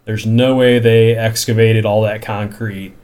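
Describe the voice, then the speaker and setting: Man, lowish voice, casual podcast chat, plot recap, incredulous, long run-on stretches. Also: flat delivery, a little slow, darkish tone. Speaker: podcast host recapping a TV episode.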